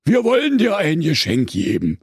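A man's voice: on the high side, wildly swooping pitch, normal speed, slightly rough, no room sound, studio quality, voice pushed up, heavily acted. A man voicing a cheerful, boozy bunch of male street drinkers in a comic fairy tale. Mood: jovial.

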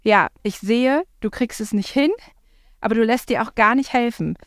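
A woman's voice: a little high, moderate pace, no room sound, studio quality. A woman, a parent, talking in a chatty, reflective way with frequent fillers. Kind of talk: casual conversation.

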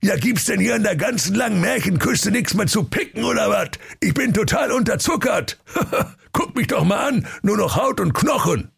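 A man voicing a gluttonous, bossy old fairy-tale king who shouts his demands. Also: high voice, animated, normal speed, vocal fry, slightly rough, voice pushed up, exaggerated voice. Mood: whining.

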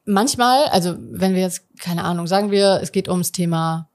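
A woman in her thirties, a guest in a conversational interview, explaining parenting calmly and acting out everyday family dialogue. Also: on the low side, normal speed.

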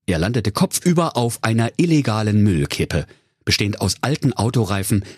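A man's voice: on the low side, slightly rough, no echo, studio quality. A man telling a comic fairy tale in a playful way. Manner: playful, with wide swings in tone. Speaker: storyteller.

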